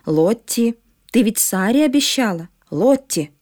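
A woman voicing a kind young schoolgirl who coaxes gently but firmly. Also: fairly high pitch, lively intonation, a little slow, no room sound, clean studio sound. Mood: coaxing. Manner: gentle but firm coaxing.

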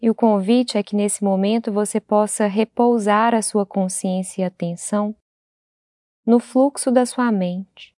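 A Brazilian woman guides a meditation gently and without hurry, leaving long pauses between phrases. Her mid-range voice holds a steady tone, recorded at studio quality with no room sound.

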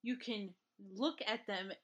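Ranting, laughing woman in casual chat. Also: mid-range voice. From New York. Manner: animated, quick to rant and laugh.

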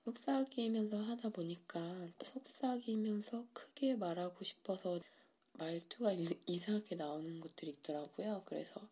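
A woman hosting an ASMR podcast, introducing it in a soft, hushed voice that often slips into a whisper. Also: medium pitch, moderate pace, breathy edge. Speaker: ASMR creator and host.

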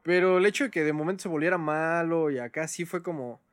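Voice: medium pitch, fast talker, clear, resonant tone, no room sound, faint music behind. A Mexican speaker chatting casually with friends, slangy and opinionated, with lots of filler words. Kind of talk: casual chat among friends.

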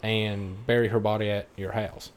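A man's voice: on the low side, little pitch movement, normal speed. Laid-back man on a podcast. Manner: laid-back, questioning, casual swearing. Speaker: podcast co-host. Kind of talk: casual chat.

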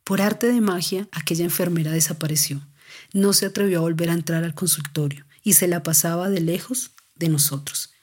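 A woman's voice: fairly low pitch, fairly even intonation, normal speed, hardly any pauses, a little mellow. A woman recounting a family story as a mother, earnest and confiding, speaking straight to the listener. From Colombia.

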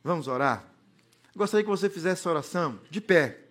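A man's voice: on the high side, animated, brisk, a bit bright. A man from preaching a humorous sermon, telling stories and acting out the dialogue. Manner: storytelling, acts out dialogue, jokes. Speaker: pastor.

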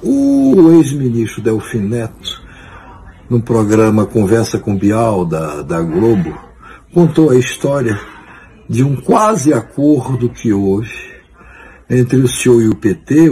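An older man with a Brazilian accent, putting interview questions in measured, halting and deliberate phrases. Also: medium pitch, warm tone. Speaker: journalist interviewer.

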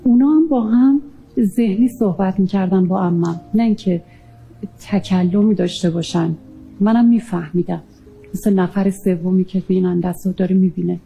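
A woman recounting a near-death experience in an earnest, halting way, often pausing with fillers. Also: medium pitch, fairly even intonation, gravelly, mellow, soft background music. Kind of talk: emotional personal testimony.

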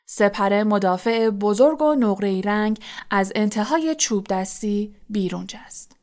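A woman narrating an audiobook in a soft, breathy delivery. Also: medium pitch, lively intonation.

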